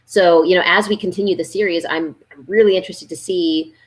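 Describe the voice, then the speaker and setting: Female guest in her thirties, lower register, chatty and filler-heavy. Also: steady tone, fairly quick. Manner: chatty, many fillers, laughs easily. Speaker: guest, board game channel host. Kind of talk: casual live-stream interview.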